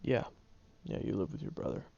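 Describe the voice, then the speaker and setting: In an audio roleplay, a man voices a prickly young male student who secretly cares, speaking hesitantly with stammers and ums while grudgingly listening. His natural voice has a dark tone and a slightly fast pace. The recording sounds dull and lo-fi.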